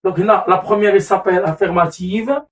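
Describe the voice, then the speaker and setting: A man's voice: high-pitched, steady tone, fairly quick. Moroccan-accented male teacher explaining grammar step by step, repeats himself and self-corrects, recorded from a little distance. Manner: repeats key terms, corrects himself with "pardon"; mixes French with Moroccan Arabic asides. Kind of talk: classroom lesson explanation. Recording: voice distant from the mic.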